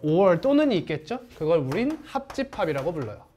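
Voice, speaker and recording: A man's voice: sits high, big pitch swings, a little fast, dark tone. A male math teacher giving a classroom lecture, who keeps asking the class questions and then answers them himself.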